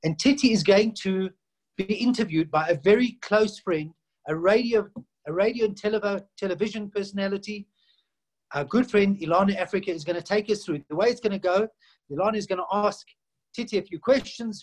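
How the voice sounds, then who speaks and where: A rabbi opens the event with an earnest formal welcome, stumbling over a word here and there. His voice sits high for a man. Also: brisk, poor audio.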